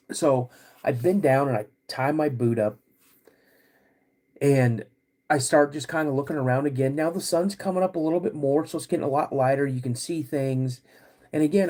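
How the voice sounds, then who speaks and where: A man hosting a podcast, recounting a personal story in a halting, repetitive, suspenseful way. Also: mid-range voice, a little mellow. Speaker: podcast host.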